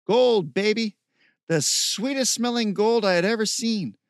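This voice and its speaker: A man voicing Steve, an excitable, smug teenage boy who talks in a sing-song voice in a storybook reading. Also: a little high, measured pace, no echo, clean studio sound. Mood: excited.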